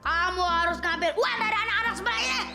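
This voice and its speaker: Squeaky bossy kid pretending to be possessed spirit medium, ordering people around, tv soap comedy, music under it. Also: fast, vocal fry. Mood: mock menacing. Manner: commanding, threatening, seance-medium style pronouncements. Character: bossy child gang leader faking possession by an old spirit medium. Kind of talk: Indonesian TV soap comedy acting. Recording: music behind the voice.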